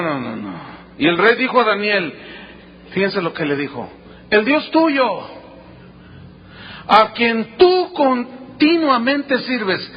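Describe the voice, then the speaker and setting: A man's voice: sits high, highs cut off, a little hiss or hum. A male pastor with a Mexican accent preaching a sermon, telling a Bible story with dramatic quoted dialogue and playful asides. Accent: Mexican Spanish.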